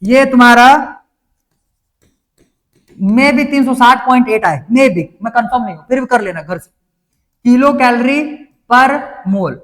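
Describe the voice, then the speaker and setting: Male teacher, very high voice, explains step by step and keeps checking the class follows. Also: measured pace, pauses often, fairly bright tone. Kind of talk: classroom lecture.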